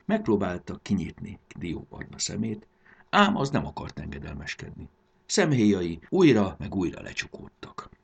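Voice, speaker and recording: A man narrating a children's story in a gentle, expressive reading. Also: low voice, vocal fry, breathy edge.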